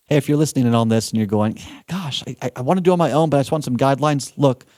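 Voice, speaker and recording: A man hosting a retirement planning webinar, talking casually with animated asides and quick restarts. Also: medium pitch, dry recording. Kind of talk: casual advice talk.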